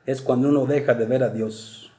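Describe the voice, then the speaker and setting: A man preaching a sermon, swinging between loud exclamations and soft low asides. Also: steady tone, normal speed. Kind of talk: sermon talk. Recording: echoey room.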